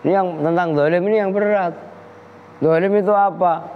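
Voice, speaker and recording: A man's voice: sits high, steady tone, normal speed, smooth. A man teaching an Islamic kitab class, joking and teasing his students by name. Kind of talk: Islamic lesson. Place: pesantren hall. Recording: lo-fi roomy hall recording.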